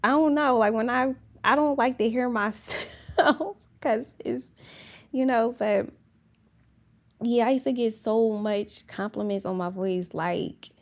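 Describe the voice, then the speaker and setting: A young woman with a girlish, baby-like voice on the high side hosts a podcast, speaking slowly. Her casual, rambling chat is full of fillers, restarts and giggles.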